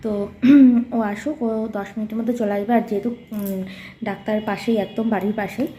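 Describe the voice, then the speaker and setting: A woman's voice: medium pitch, steady tone, a little fast, warm tone, slight background noise. A young woman chatting casually to her viewers while vlogging her day at home, with lots of fillers. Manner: chatty, addresses viewers directly, many fillers. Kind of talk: casual vlog narration to viewers. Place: home, indoors. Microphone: phone camera held by the speaker.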